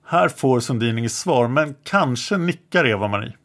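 A man narrating a true-crime account in an even, sober reading voice. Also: mid-range voice.

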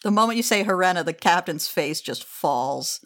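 A woman narrating a tabletop game as game master, unhurried and hesitant, with frequent fillers. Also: on the low side, lively intonation, a bit bright.

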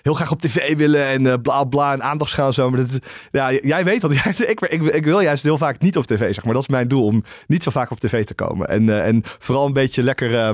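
Fast-talking, halting male guest. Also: mid-range voice, dry recording, clean studio sound. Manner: hesitant, many restarts. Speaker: podcast guest, tech journalist. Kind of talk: casual chat.

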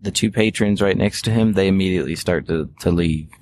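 A man with a very low voice narrates a tabletop game as game master, laying out the fight at an easygoing pace and restarting his phrases. A faint hiss sits under his voice. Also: fairly quick. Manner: relaxed, descriptive, with frequent restarts.

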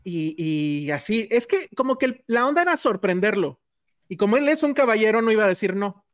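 A woman with a Mexican accent chats on a podcast, telling anecdotes full of asides. Her voice sits at a middle pitch, recorded close and dry with no room around it. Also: sing-song, brisk, dry recording. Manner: chatty, storytelling with asides. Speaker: podcast host. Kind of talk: casual chat.

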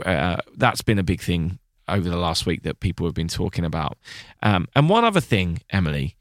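A man's voice: on the low side, dry recording, studio quality. A man co-hosting a podcast in casual chat, chatty and often restarting his sentences. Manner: chatty, self-correcting, laughs often. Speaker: podcast co-host.

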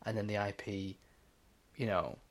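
A man's voice: lowish voice, fairly even intonation, a little slow. A man co-hosting a podcast in casual chat, explaining his views at length with many "you know"s. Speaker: podcast co-host.

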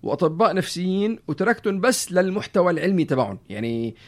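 Quick Levantine Arabic man, higher-pitched voice. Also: very animated. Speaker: podcast host. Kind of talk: casual conversational podcast chat.

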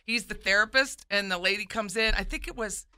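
A woman co-hosting a radio show from a studio desk, talking in a lively, emotional way and telling stories with feeling. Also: mid-range voice, brisk, clean tone, no echo. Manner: emotional, animated storyteller. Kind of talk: casual radio chat. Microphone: studio microphone.

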